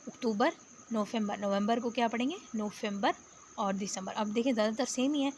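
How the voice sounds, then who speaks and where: Patient woman teaching slowly. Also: on the high side, steady tone, a little mellow, slight background noise. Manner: patient, explains step by step and repeats words slowly. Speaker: Arabic teacher. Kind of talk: spoken lecture.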